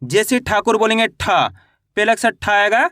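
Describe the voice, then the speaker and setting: High, bright-voiced man teaching reading. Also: animated, no echo, clean studio sound. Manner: spells out syllables, then says each word slowly and lower; asks learners questions as he teaches. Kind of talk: online lesson.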